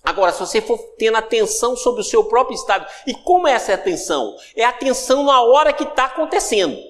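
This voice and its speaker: High-voiced Brazilian man teaching. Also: fast talker, long reverb tail. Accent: Brazilian Portuguese. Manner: animated, acts out everyday examples in quoted voices; conversational, repeats phrases for emphasis. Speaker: lecturer on spiritual self-development. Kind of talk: recorded course lecture.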